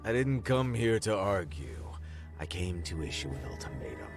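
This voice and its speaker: Menacing game villain, high-ranking policeman: low, polished condescension over clearly audible music. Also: sing-song, moderate pace, full character voice. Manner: polite, smug, veiled threat. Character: smug, menacing senior male security police official. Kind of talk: dubbed video game drama acting. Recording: music behind the voice.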